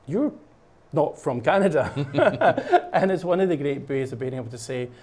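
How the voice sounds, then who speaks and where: A Scottish man with a Scottish accent, a guest on a local show, chats casually while painting in the studio, explaining a program in a rambling way full of fillers and restarts. His voice is a little high, very animated, moderately paced, a little mellow and husky.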